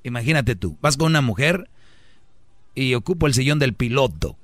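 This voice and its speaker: A man's voice: mid-range voice, animated, normal speed, no echo. A man with a Mexican Spanish accent hosting a sarcastic commentary talk, mocking what he reads and acting out quotes in exaggerated voices. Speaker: host.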